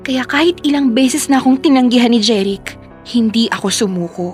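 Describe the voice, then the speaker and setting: A frustrated young girlfriend, voiced by a woman, somewhat high-pitched and earnest. She tells her story and presses her partner in a radio drama. Faint music plays underneath. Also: brisk, lightly acted. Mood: reflective. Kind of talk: radio drama acting and first-person narration.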